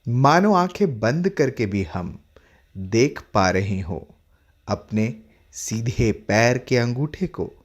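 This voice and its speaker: Guiding a relaxation session, this yoga instructor speaks in short instructive phrases with long pauses in between. His voice is mid-range and expressive.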